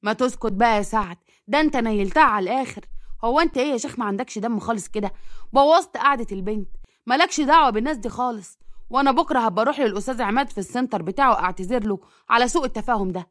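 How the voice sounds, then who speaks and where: Woman voicing an apologetic egyptian man, placating tone, quick delivery, dry. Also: fairly high pitch, fairly bright tone, no echo, natural voice. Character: embarrassed, apologetic middle-aged man.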